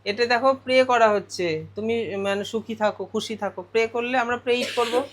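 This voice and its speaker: A man's voice: very high-pitched, normal speed, a bit bright, a little hiss or hum. A male teacher going through a grammar lesson step by step, often putting questions to his students. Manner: explains step by step, asks the class questions.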